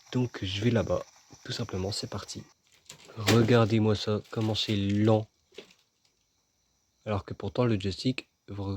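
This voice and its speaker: Joking around with himself and his viewers, a gaming video host comments casually on the game he's playing. His voice is on the low side and darkish, with a little background noise.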